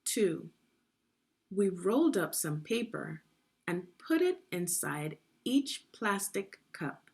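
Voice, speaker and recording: With a fairly low pitch, a woman reads slowly and vividly to children as a read-along teacher and narrator. Her guided read-aloud is clear and instructive, punctuated with questions for the listener.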